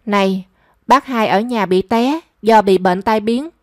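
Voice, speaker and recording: A woman voicing a brisk, matter-of-fact young female friend. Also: mid-range voice, a little mellow, no echo, studio quality, close to an everyday voice.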